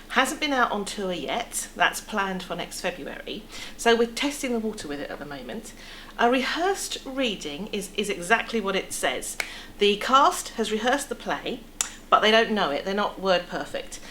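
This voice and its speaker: A woman's voice: mid-range voice, a bit bright. A middle-aged woman with an English accent, explaining things chattily in a casual interview. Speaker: theatre producer being interviewed. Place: indoor theatre foyer cafe seating area. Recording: clear background room noise.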